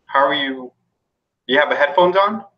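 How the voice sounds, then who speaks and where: A man co-hosting a casual gaming livestream over a laptop mic, blunt and quick to laugh. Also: a little high. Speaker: podcast co-host. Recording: dull lo-fi laptop audio.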